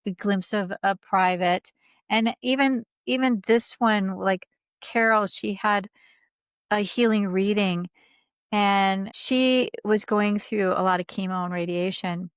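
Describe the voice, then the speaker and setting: Speaking slowly in a clear, resonant mid-range voice, a woman appears as a guest on a podcast with no room sound. As a healer, she tells stories and reads testimonials in an earnest, informal, conversational way, often saying "like" and "right?"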